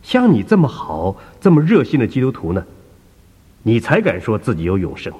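A man voicing an elderly devout woman who insists and protests in a high voice. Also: huge pitch swings, normal speed, mellow, slightly rough, in a large hall, exaggerated voice. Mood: earnest. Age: older.

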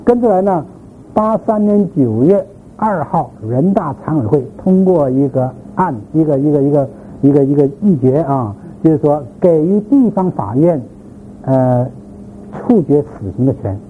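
Man lecturer, somewhat high voice, loose rambling delivery with fillers and asides to the class; thin lo-fi sound with a faint hiss behind. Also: expressive, normal speed, warm tone. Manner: rambling, repeats words, frequent filler particles, asks listeners questions. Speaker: lecturer on church history. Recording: tinny phone-like sound, faint background noise.

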